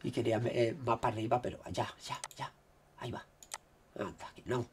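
A man with a Spain Spanish accent, his throat dry after a cold, excitedly commenting on what is on his screen. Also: mid-range voice, brisk, slight background noise. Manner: excitable, exclaiming, keeps saying "look". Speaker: vlogger. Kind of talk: casual commentary on screen recording.

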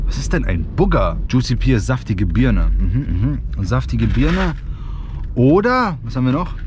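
A young man vlogging casually from inside a car, excitable and slangy, given to exclamations. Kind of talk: casual challenge vlog, youth slang. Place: inside a small car, often driving. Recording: noisy car interior, road rumble.

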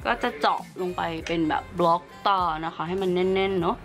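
In a casual makeup tutorial and product review, a woman talks through each step in a cheerful, chatty way. Her voice is fairly low and steady at a normal pace, and faint music plays behind her.

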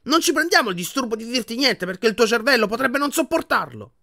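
A man's voice: medium pitch, big pitch swings, moderate pace. A man voicing an angry, impatient teenage boy wizard in an audiobook, speaking in short, clipped bursts. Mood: shouting. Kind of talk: audiobook character voice.

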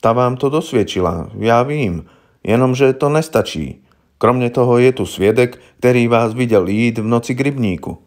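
A man's voice: mid-range voice, a little mellow, close to an everyday voice. A man voicing a young, naive defense lawyer who speaks formally and patiently, explaining things to his client. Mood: probing.

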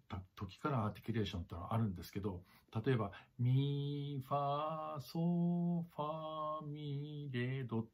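A man with a husky, slightly breathy voice gives a clarinet lesson, singing rhythm syllables aloud to demonstrate phrasing. He talks directly to the listener and repeats key points. The recording sounds dull and lo-fi. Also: on the low side. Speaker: clarinet teacher. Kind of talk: spoken music lesson.

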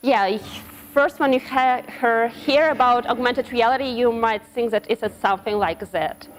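A woman's voice: on the high side, normal speed, slight background noise. Woman giving a tech talk. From Ukraine. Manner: hesitant, frequent restarts and broken-off words. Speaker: conference speaker, web XR developer. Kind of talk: conference talk with slides. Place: conference hall.

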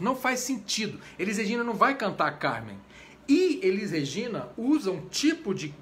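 A Brazilian conductor with a Brazilian Portuguese accent, giving a chatty, informal lecture on voice types. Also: male voice, high-pitched, a little hiss or hum. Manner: animated, chatty, breaks into short sung examples. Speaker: conductor and voice teacher. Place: home during quarantine.

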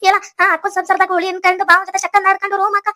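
A teasing, spiteful young woman in a cartoon, voiced by a woman. North Karnataka Kannada accent, a very high, bright voice that runs fast. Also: level tone, no echo, clean studio sound. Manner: teasing, gloating whisper-like.

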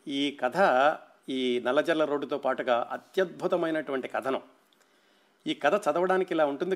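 A man, the host of a talk show, retelling a short story in his own words, with a Telugu accent, voicing the characters' lines briefly and adding his own comments. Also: on the high side. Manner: narrates with voiced quotes and asides.

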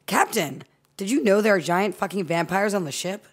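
An actress playing a tough, blunt female ship engineer in an audio drama, crude and deadpan, with a low, gravelly voice. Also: normal speed, close to an everyday voice.

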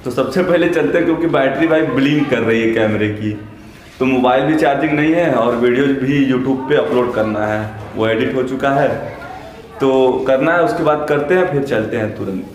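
A young adult male vlogger chats to a camera held at arm's length, narrating his day outdoors, at home and at the gym, and constantly calling viewers "bhai." His voice is medium-pitched at normal speed. The casual selfie vlog audio is echoey with loud street noise.

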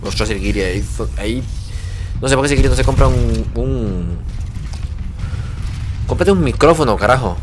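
A young man, excitedly commentating his own gameplay and swearing at the action. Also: medium pitch, normal speed, long pauses, noisy background. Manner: excitable, swearing, reacting loudly to the game. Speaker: gamer.

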